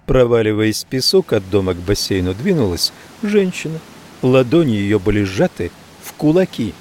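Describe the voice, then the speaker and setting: A man's voice: on the low side, normal speed, slight background noise. A man narrating a first-person noir audiobook, reading expressively and playing every part. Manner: lively, expressive reading with many character voices.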